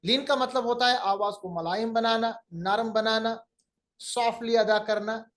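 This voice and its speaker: Slow, patient male recitation teacher. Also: high voice, fairly even intonation, fairly bright tone. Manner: patient, explains step by step, demonstrates recitation slowly. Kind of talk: recorded online lecture.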